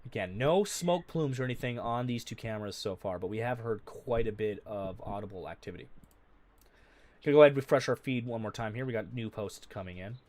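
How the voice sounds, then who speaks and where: A man's voice: on the low side, a little fast, a little mellow, slight background noise. A man hosting a live breaking-news stream, reading viewer comments aloud and talking unscripted with frequent fillers. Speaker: livestream news host.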